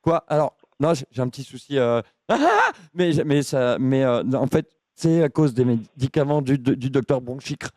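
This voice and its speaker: A confused, lonely patient who stammers and loses every sentence, as a man puts him on during a prank call. His voice sinks low and soft, and he mumbles into long pauses. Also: no room sound, studio quality, lightly acted. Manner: stammering, halting, trailing off.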